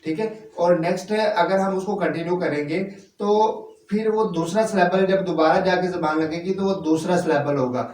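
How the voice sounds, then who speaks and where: A high-pitched man teaches a language lesson, patiently spelling words out letter by letter. He sits some distance from the mic, and the room adds a clear echo. English terms slip in among his casual explanations. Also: moderate pace, a little mellow.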